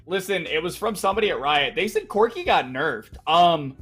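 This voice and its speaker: A man's voice: a little high, animated, moderate pace, a bit bright, husky, soft background music. A man giving color commentary on a live esports match in a loose, chatty way, with frequent fillers. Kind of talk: live game analysis commentary.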